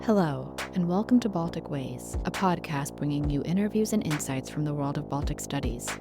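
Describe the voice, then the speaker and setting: Low-voiced woman podcast host. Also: lively intonation, a little fast, loud music behind the voice. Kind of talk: podcast interview hosting.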